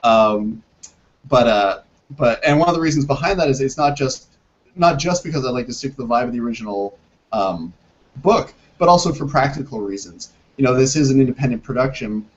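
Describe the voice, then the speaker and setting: A man's voice: mid-range voice, expressive, a little fast. A man speaking as a filmmaker in an interview over a video call that sometimes breaks up, hesitating often and restarting his sentences. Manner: hesitant, many restarts and fillers. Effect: heard over a video call that breaks up. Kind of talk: interview conversation. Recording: muffled lo-fi video call audio.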